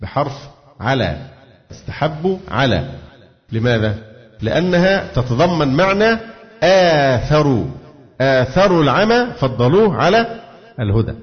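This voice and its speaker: A man's voice: a little high, sing-song, normal speed, pauses often. A man with an Egyptian accent teaching a religious exegesis lesson, asking himself questions and answering them. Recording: echoey, dull lo-fi recording.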